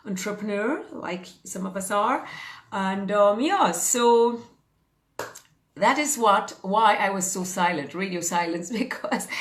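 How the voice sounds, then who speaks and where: This is a woman in her fifties with a medium-pitched, reverberant voice, streaming live from a phone or webcam. As a fitness and mindset coach, she talks in a casual, positive, rambling way, full of fillers.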